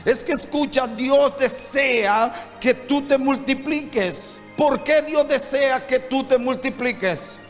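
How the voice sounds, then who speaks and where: A pastor from Honduras with a Honduran accent, preaching a sermon with fervent rhetorical questions and repeated phrases. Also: male voice, extremely high pitch, slow, hardly any pauses, in a large hall, faint music behind. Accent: Honduran Spanish.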